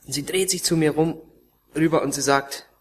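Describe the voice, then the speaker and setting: A man preaching a sermon and telling his own story, emotional, swinging between raised pleading and hushed, almost whispered passages. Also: fairly high pitch, fairly even intonation, normal speed, slight background noise. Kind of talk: sermon testimony.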